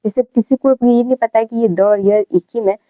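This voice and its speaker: A woman's voice: fairly high pitch, steady tone, moderate pace, no echo. Woman teaching with dull, dry sound. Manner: repeats key words, checks in with the class. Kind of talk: grammar lesson.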